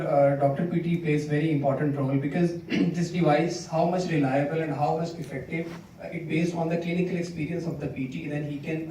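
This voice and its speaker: A man's voice: on the high side, mellow, slight background noise. A male student contestant explaining to judges, hesitant with many fillers. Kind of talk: answering a judges' panel. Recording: very echoey, distant mic.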